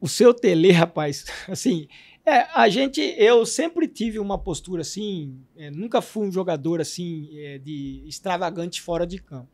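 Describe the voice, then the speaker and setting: Middle-aged Brazilian man, former pro footballer as guest; high, gravelly voice; animated storyteller. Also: unhurried. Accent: Brazilian Portuguese. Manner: animated storyteller, acts out his coach's shouts. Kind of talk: casual interview storytelling.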